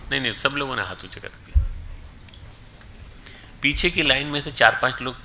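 A man's voice: mid-range voice, moderate pace, creaky, sharp tone, slight background noise. A man giving an emphatic spiritual discourse to students, mixing in English phrases and calling people forward from the audience. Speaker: spiritual teacher.

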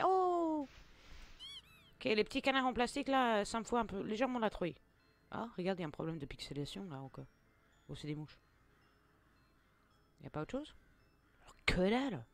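Lively young woman commentating a game. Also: mid-range voice, dry recording. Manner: expressive, exclaiming, jokey, laughs often. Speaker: gaming video creator. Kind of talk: let's play commentary.

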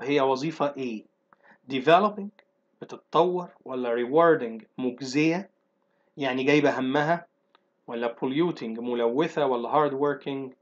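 A man with an Egyptian Arabic accent teaching an exam-prep English lesson, reading English sentences slowly and then explaining them briskly. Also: mid-range voice, dull audio.

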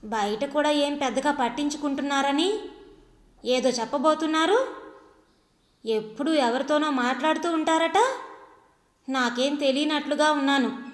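A woman voicing a sharp-tongued young daughter-in-law who scolds with accusing questions, in a narrated audio story. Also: high voice, moderate pace, pauses often, reverberant, big-room sound, pitched above the performer's own voice, close to an everyday voice. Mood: scornful.

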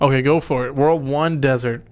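A man co-hosting a casual gameplay reaction, excitable, with loud yelps and laughs. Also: medium pitch, moderate pace.

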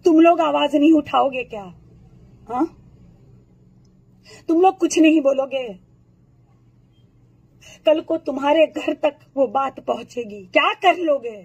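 A woman with a hoarse throat delivering a furious political rant to camera, hurling insults and rhetorical questions. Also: high voice, unhurried, long pauses, a little mellow, highs cut off.

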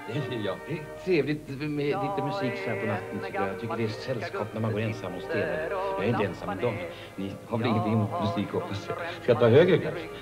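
A man's voice: on the low side, animated, hardly any pauses, music in the background, lightly acted. An actor playing a jolly, lonely, chatty night watchman who giggles and rambles through silly jokes in 1970s TV comedy style.

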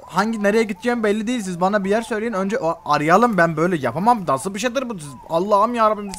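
A man's voice: sits high, lively intonation, quick pace, a bit bright, slight background noise. A young man role-playing a game story with comic exasperation and lots of exclamations. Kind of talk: comedic game role-play commentary.

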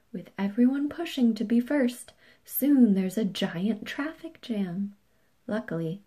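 Lady reading a kids picture book, slow and bouncy, kinda high voice. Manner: animated, playful, slow and expressive. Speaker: storybook reader. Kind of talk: children's read-aloud.

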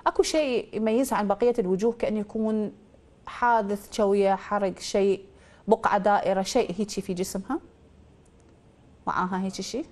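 A woman's voice: mid-range voice, steady tone, fairly quick, a little mellow. A woman with an Iraqi accent hosting a call-in astrology show. She quizzes a caller with probing questions, then gives confident pronouncements over a studio mic. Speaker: astrologer host.

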